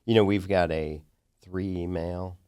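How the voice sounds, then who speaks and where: A man hosting a podcast, asking questions and adding his own points in a relaxed, conversational way. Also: low-pitched, a little slow, clear, resonant tone. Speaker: podcast host. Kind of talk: casual interview chat.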